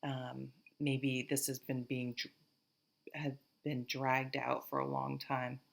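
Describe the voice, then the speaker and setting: Low, gravelly woman with a Vermont accent. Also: little pitch movement. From Vermont, USA. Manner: halting, rambling, thinking aloud. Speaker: tarot reader, host. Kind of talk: casual, unscripted tarot reading to camera.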